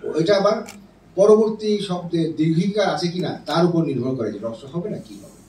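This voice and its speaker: A professor in middle age explains music theory in a classroom lecture and keeps checking in with listeners. He speaks high-pitched and sing-song, a little fast and mellow, in a roomy, distant recording with faint noise.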